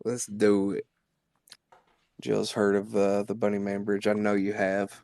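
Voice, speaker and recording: A man's voice: on the low side, completely flat delivery, a little slow, creaky, darkish tone, no room sound, studio quality. Loose, profane man chatting. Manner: loose and profane, reads legends aloud. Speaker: livestream co-host. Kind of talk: casual livestream chat.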